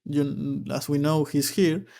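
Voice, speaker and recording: A man with a slightly high voice talks through a manga in a relaxed, casual way. He takes his time, speaks unhurriedly, and often stumbles and repeats words while he works out what he thinks. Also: takes it slowly, creaky. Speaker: manga reader and commentator. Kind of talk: casual reaction commentary while reading aloud.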